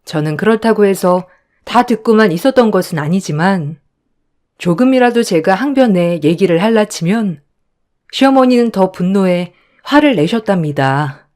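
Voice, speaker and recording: A woman's voice: medium pitch, normal speed. A woman narrating her own story and voicing herself as a hurt, pleading wife. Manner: expressive, hurt and pleading in dialogue.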